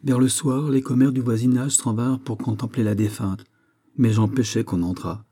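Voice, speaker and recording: A man narrating a classic story as an audiobook, in a measured, grave literary reading. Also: medium pitch, fairly even intonation, warm tone, slightly rough. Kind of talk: scripted narration.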